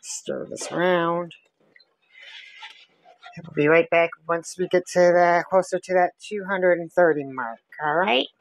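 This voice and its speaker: In her own kitchen, a woman talks viewers through a recipe step by step while stirring, keeping it casual for a camera on the counter. Her voice sits on the low side, and she speaks at a measured pace with frequent pauses. The audio is dry.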